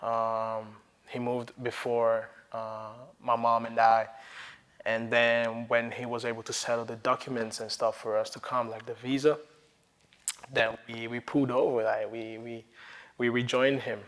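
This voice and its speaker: A young man from Nigeria who grew up in Italy, talking casually as an interview guest, relaxed and rambling with lots of fillers. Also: medium pitch, a little slow. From Nigeria, raised in Italy. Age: young adult. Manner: relaxed, rambling, many fillers and "you know". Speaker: interview guest, sneaker developer.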